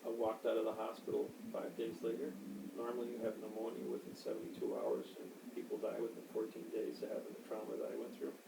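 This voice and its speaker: A man in his sixties with a gravelly voice, rambling and boasting in a casual interview. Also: on the low side, fast. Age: 60s. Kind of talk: casual chat. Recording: echoey, distant, noisy amateur recording.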